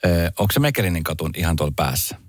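A man hosting a casual radio chat, telling stories in an animated way with sudden jumps in pitch for emphasis. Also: no room sound, studio quality, soft background music. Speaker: radio host.

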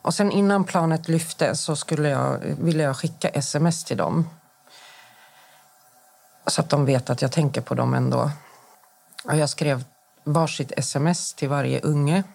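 A woman's voice: low voice, gravelly, long pauses, a little mellow. Woman in her forties recounting events. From Sweden. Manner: recounts events in detail, acting out quoted dialogue with restarts. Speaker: podcast guest. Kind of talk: personal account in conversation.

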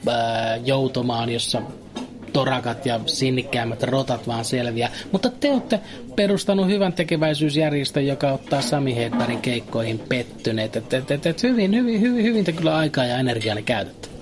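A man delivering a deadpan, absurd comic monologue in a dry, matter-of-fact way, with hesitant fillers. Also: mid-range voice, a crowd in the background.

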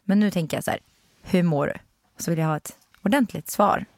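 A woman, a podcast co-host telling stories in a chatty, animated way. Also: on the low side, no echo, clean studio sound. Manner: chatty, animated storytelling with acted quotes. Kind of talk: casual chat.

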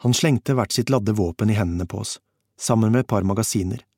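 Low, dark-voiced male audiobook narrator. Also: husky, dry recording, clean studio sound. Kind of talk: scripted first-person audiobook narration.

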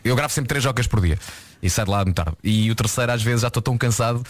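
A man in casual comic radio banter, excitable and prone to shouting. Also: medium pitch, fast talker, no room sound. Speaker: radio show co-host and TV quiz host.

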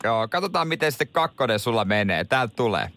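A man's voice: medium pitch, sing-song, background noise. A man co-hosting a radio quiz, upbeat and cheering the callers on in casual banter. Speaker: radio co-host.

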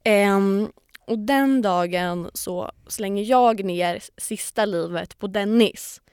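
A young woman who was once on a reality show guests on a podcast, animatedly telling a story, acting out what people said and swearing casually. Her voice is medium-pitched with a darkish, clean tone, recorded in a clean, echo-free studio.

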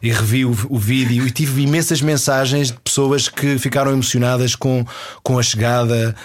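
A man with a European Portuguese accent tells a long story in casual chat. He stumbles, restarts and slips in deadpan jokes, at an ordinary middle pitch. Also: moderate pace, a little hiss or hum. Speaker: guest.

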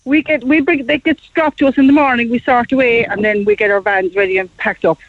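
A woman's voice: on the high side, steady tone, quick pace, no room sound. A chatty, modest woman, calling in to a radio show over the phone while walking outside on her round. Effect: heard over a phone line. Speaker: radio call-in caller, postal worker. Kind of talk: casual chat on a radio call-in. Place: outdoors on a street, walking on her delivery round. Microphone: mobile phone held while walking. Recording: dull lo-fi phone line, dry.

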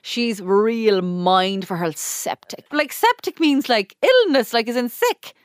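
A woman's voice: a little high, animated, takes it slowly, dry recording, clean studio sound. A woman from the Cork countryside with a Cork Irish accent, chatting casually and expressively as she tells anecdotes and acts out slang phrases. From County Cork countryside, Ireland.

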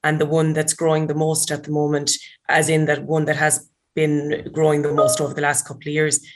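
Female panellist, strong west of Ireland Kerry accent, steady narrow intonation. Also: deep voice. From County Kerry, Ireland. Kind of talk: panel discussion talk.

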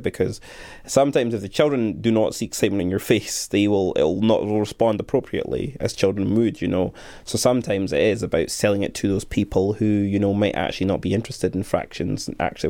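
A young Scottish man who teaches primary school talks earnestly and thoughtfully about his work in a reflective interview. His voice is fairly low-pitched, gravelly and mellow.

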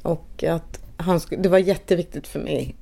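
A middle-aged woman speaking haltingly and with quiet emotion as she recalls a personal loss. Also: lowish voice, gravelly. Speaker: bereaved mother interviewed. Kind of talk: personal recollection.

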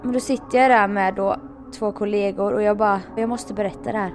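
A woman telling a story in casual chat, animated and laughing often. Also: medium pitch, faint music behind.

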